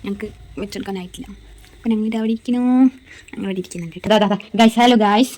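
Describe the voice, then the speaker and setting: A woman's voice: medium pitch, fairly even intonation, very fast, darkish tone, rough recording. A young mother recording a casual family vlog at home and chatting directly to her viewers.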